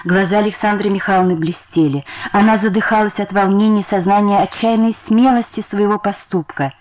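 A woman narrating a literary story in a measured, expressive dramatic reading. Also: mid-range voice, slight background noise. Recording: muffled lo-fi radio recording.

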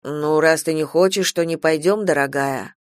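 A weary, anxious father, read by a woman narrating an audiobook. He sounds firm and urgent, louder than the narration, near her own pitch. Close, dry recording. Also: no echo, lightly acted. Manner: firm, hurried reassurance. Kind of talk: audiobook character voice.

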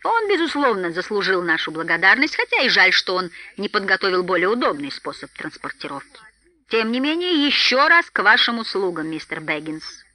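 A woman's voice: medium pitch, big pitch swings, brisk, sharp tone. A woman voicing a proud dwarf king who speaks in a stately, declaiming way.

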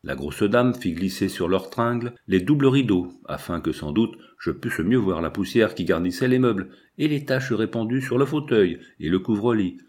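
A man's voice: on the low side, expressive, normal speed, hardly any pauses, a little mellow, husky. A man reading a first-person novel aloud as an audiobook narrator, telling the story expressively.

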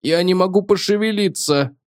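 A man's voice: high voice, normal speed, clear, resonant tone, no echo, pitched above the performer's own voice, natural voice. A queasy young rocket crewman whining in a raised, strained voice, as a male reader puts him on. the recording is dry and close, with no room sound, like a storybook read in a booth. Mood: panicky. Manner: whining, groaning. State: queasy and weak. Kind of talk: audiobook character voice.

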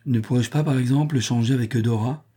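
A man's voice: fairly low pitch, moderate pace, mellow, breathy edge. A man voicing a weary young slave girl who complains and pleads in a read-aloud novel. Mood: pleading. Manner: plaintive, pleading.

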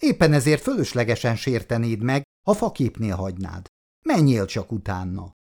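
A man's voice: mid-range voice, sing-song, a little mellow. A male reader voicing a cool, proud young woman who answers her fiancé in clipped, icy replies. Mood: cold. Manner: cold, clipped, tight replies.

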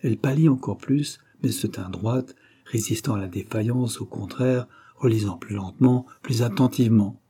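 Husky, dark-voiced male narrator. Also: fairly low pitch, moderate pace. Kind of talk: audiobook narration of a classic novel.

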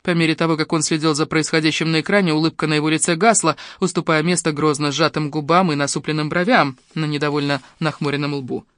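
A man reading a detective audiobook aloud in a steady, expressive way. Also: a little high, quick pace, few pauses, no echo, studio quality. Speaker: narrator. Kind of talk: audiobook narration.

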